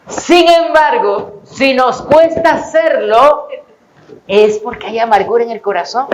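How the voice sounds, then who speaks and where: A man's voice: very high-pitched, a little slow, slight background noise, low-quality recording. A man giving a conversational sermon as a pastor, with self-deprecating humor and acted-out snippets of dialogue.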